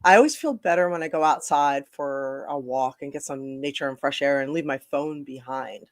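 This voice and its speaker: A woman co-host chatting on a video call, animated and quick to laugh. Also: extremely low pitch, no room sound, studio quality. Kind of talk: casual chat.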